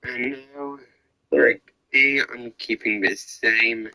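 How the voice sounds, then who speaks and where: A man's voice: steady tone, takes it slowly, creaky, bright, forceful tone, low-quality recording. Tired man mumbling through gameplay. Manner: low-key, mumbled, trailing into whispered asides. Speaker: gamer. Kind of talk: casual gameplay commentary.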